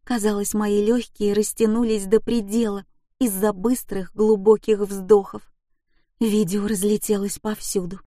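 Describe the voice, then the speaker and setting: A woman's voice: mid-range voice, level tone, unhurried, dark tone, dry recording, clean studio sound. A woman reading an emotional first-person audiobook in a gripping, intense way. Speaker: audiobook narrator.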